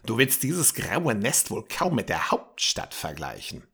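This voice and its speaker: Man playing an old bearded man, grumbling, slow, gravelly voice, husky, grave warnings. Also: fairly low pitch, huge pitch swings, sharp tone, voice pushed up, full character voice. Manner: slow, grave warnings, sometimes dropping to a whisper.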